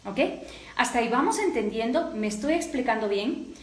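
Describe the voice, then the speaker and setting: A woman's voice: a little high, expressive, normal speed, a little hiss or hum. A woman with a Latin American Spanish accent teaching a voice course, explaining step by step and often checking that listeners follow. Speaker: voice and speaking coach. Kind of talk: instructive course lecture. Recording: echoey room.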